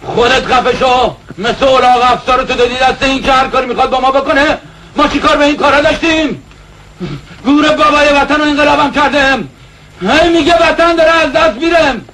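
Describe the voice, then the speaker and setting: A frantic, shrill, unraveling man. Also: noisy background. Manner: shouting, bitter, agitated rants. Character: frantic middle-aged man near breakdown. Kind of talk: Iranian film drama.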